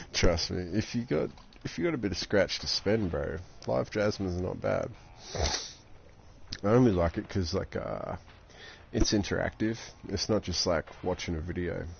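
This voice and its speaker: Young dude streaming games, deep voice, swears nonstop, kinda muffled audio w/ a lil hiss. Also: male voice, lively intonation, unhurried, creaky, long pauses. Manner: crude, rambling, swears constantly. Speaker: game streamer. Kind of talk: casual live-stream chat.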